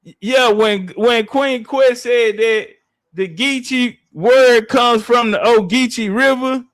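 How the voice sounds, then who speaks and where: Hosting a live debate stream, a man with an extremely high, fairly bright voice speaks slowly, confronting and taunting in slangy speech and repeating phrases for emphasis.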